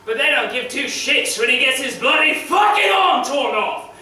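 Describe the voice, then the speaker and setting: An actor playing a crude, cocky crocodile wrestler who loses his arm and grieves, talking in a foul-mouthed way that swings from swagger to shouted despair. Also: very high-pitched, sing-song, moderate pace, slight background noise, full character voice. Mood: boastful. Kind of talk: dramatic monologue. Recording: very echoey room, mic far off, faint ambience.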